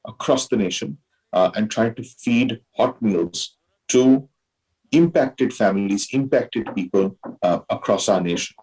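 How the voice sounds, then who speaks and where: A man speaks in a slightly low, husky voice with a polished, posh Indian accent. He explains things as an interview guest in a measured, articulate way, sometimes repeating a word as he goes. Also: darkish tone, rough recording. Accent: educated, posh Indian English. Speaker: interview guest, alumni society president.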